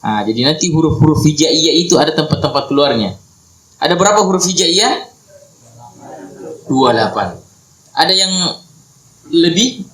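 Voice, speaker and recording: A man's voice: a little high, normal speed, long pauses, fairly bright tone, slight background noise. A man teaching a tajwid lesson on Quran recitation, patiently repeating points and quizzing his listeners. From Indonesia. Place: study hall at an Islamic boarding school. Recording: roomy echo.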